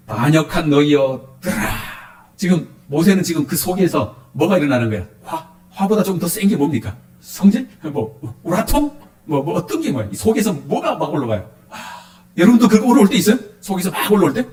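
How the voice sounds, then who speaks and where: A male pastor preaching a sermon, questioning his congregation in a lively, animated way. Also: a little high, fairly quick, roomy sound.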